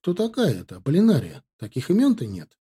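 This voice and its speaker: A man doing a lively, teasing teenage boy. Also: on the high side, fast, slightly rough, voice pushed up, full character voice. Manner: teasing, bantering. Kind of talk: audiobook character voice.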